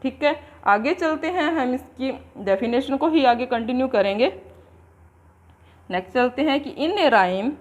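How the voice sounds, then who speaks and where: A woman with an Indian accent giving a coaching-class lecture, explaining in Hindi and slowly dictating English definitions word by word. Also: high-pitched, animated. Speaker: English exam coaching teacher.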